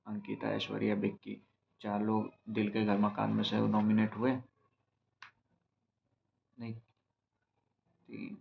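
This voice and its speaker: A young man casually recapping a reality show episode in a rambling, halting way, with many restarts and fillers. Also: on the low side, gravelly. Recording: slightly dull, lo-fi recording with faint noise.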